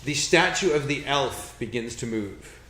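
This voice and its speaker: A man running a tabletop game as game master, narrating off the cuff with halting, improvised phrasing. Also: mid-range voice, lively intonation, sharp tone. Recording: echoey room.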